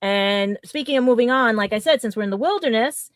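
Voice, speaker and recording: A woman with a fairly high voice chats on a casual podcast over a video call. She rambles and laughs easily, tripping over names. The sound is dry and close. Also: brisk, no room sound. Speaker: podcast co-host.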